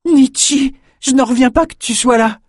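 Excited boastful young swordsman, man doing the voice, high and loud, audiobook. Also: measured pace, no echo, studio quality. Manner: excited, shouting.

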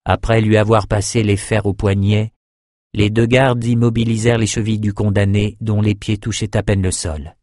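A man reading a dark fantasy audiobook in a measured, grave narration. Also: fairly low pitch, level tone, no echo, clean studio sound. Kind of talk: scripted narration.

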